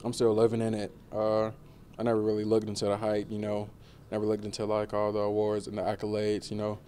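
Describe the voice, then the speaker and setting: A young man in his twenties, a college football player, answering questions in a relaxed postgame press interview, with many fillers. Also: on the low side, fast, a little hiss or hum. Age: 20s. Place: indoor media room before a banner.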